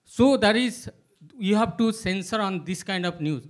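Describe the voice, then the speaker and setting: A man from Nepal, asking a panel a long question and stopping often with filler sounds. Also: sits high. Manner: halting, many filler sounds. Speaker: audience member asking a question. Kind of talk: hesitant spoken question at a panel.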